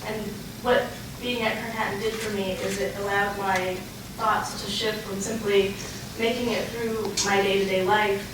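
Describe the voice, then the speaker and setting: A young adult woman giving an earnest, prepared acceptance speech as an award recipient, halting with pauses as she goes. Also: mid-range voice, little pitch movement. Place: large echoey room, live event. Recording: echoey, noisy room, distant mic.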